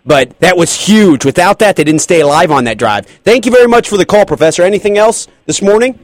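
A man hosting a sports call-in radio show, speaking in a polite, measured way. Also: high voice, expressive, no room sound.

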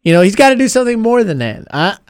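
A man's voice: high voice, big pitch swings, fast talker, clean tone, no room sound, studio quality. A man co-hosting a casual sports talk show, laughing often as he gives his opinions.

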